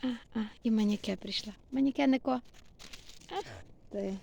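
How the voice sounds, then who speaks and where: Cooing woman with a gravelly voice. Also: fairly high pitch, normal speed, a little mellow. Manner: cooing, affectionate pet talk with diminutives. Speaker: cat owner filming her cats. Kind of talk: casual vlog, baby talk to pets. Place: outdoors in a snowy yard by a house.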